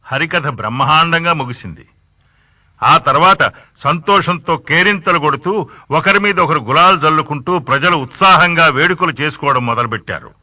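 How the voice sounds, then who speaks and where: A man narrating a devotional story in a steady storytelling voice. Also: on the high side, normal speed. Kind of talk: scripted narration.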